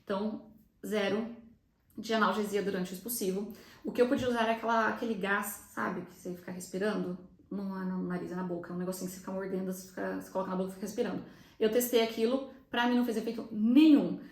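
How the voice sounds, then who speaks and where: A woman's voice: mid-range voice, fairly even intonation, darkish tone, reverberant. A young Brazilian woman with a Brazilian Portuguese accent telling viewers a personal story in a chatty vlog style, emotional and close to tears. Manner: chatty, fast, often addresses viewers directly. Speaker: vlogger recounting her birth.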